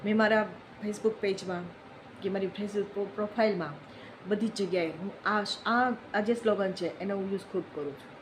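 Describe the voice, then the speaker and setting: A woman's voice: medium pitch, steady tone, moderate pace, slight background noise, poor audio. A woman giving an earnest, reflective moral talk, telling stories and repeating phrases for emphasis. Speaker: speaker on social issues.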